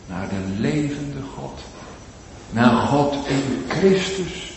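A man preaching a sermon, swinging between loud pleading cries and hushed, drawn-out low phrases. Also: sing-song, slight background noise. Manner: slow, drawn-out emphatic delivery. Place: large church. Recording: echoey church hall with long reverb.

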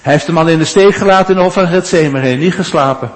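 A man preaching a sermon, repeating his phrases and swinging between hushed, low passages and raised, emphatic ones. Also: fast talker. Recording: long church reverb.

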